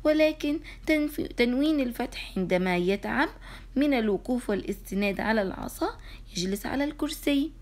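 A woman teaching kindergarten children in an online lesson, encouraging and asking questions, answering them herself and drawing out syllables slowly. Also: on the high side, animated. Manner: slow, drawn-out syllables when sounding out words. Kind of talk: e-learning lesson for young children.

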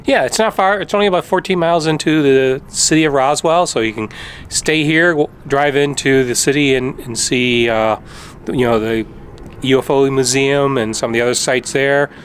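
A middle-aged man casually talking outdoors on a travel vlog, filmed with a camera at arm's length, relaxed and informative with a few fillers. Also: medium pitch, normal speed, a little hiss or hum. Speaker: travel vlogger. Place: outdoors by a desert lake and campground. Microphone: camera held at arm's length.

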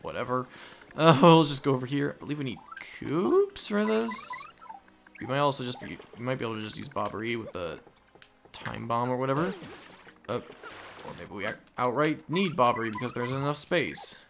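Video game music plays under this let's play host, a young adult man whose medium-pitched voice is animated, fairly bright and tinged with vocal fry. He talks at normal speed, giving loose, rambling commentary on his gameplay.

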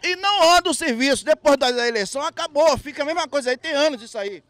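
A man's voice: extremely high pitch, lively intonation, quick pace, fairly bright tone, dry recording. A man, speaking indignantly into a reporter's handheld mic outdoors, with hesitant restarts. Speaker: interviewed local resident. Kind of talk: street interview complaint. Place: outdoors at a street market.

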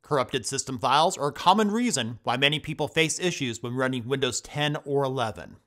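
A man's voice: medium pitch, fairly quick. Man narrating a step-by-step tech tutorial. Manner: steady step-by-step instructing. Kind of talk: scripted screen-recording voice-over.

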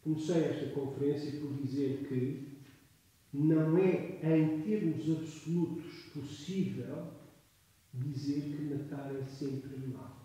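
A man's voice: on the high side, slow, dark tone. A man with a European Portuguese accent giving an academic lecture, emphatic and full of rhetorical tag questions. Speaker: guest lecturer. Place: lecture hall. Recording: echoey hall, distant mic.

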